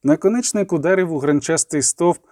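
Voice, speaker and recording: A man's voice: a little high, a little fast, dark tone, dry recording, clean studio sound. Man narrating a fantasy audiobook.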